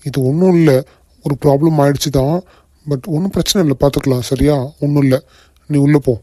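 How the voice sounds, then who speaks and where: A man voicing a calm, protective young husband in a cartoon, firm and reassuring. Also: fairly high pitch, brisk, no echo, natural voice. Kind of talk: cartoon voice acting.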